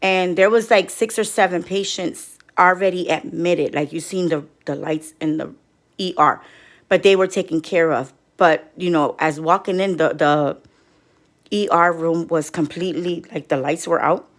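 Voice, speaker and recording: A middle-aged woman vlogger telling viewers a story in a casual, animated way, acting out what others said. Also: on the low side, normal speed. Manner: rambling with many restarts. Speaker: couponing vlogger. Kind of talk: casual personal update to viewers.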